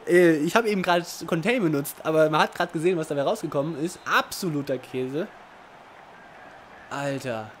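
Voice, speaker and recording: A man commentating his own football video game match, excitable, swinging from low muttering to shouting. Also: normal speed, slight background noise. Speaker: gaming commentator. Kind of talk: live Let's Play commentary.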